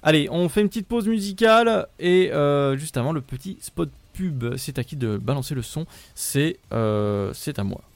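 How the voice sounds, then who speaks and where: A man's voice: a little high, expressive, normal speed, hardly any pauses, no echo. A man hosting a radio show in a studio, chatting loosely and filling gaps with hesitations. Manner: loose, hesitant, lots of fillers. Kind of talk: casual radio talk.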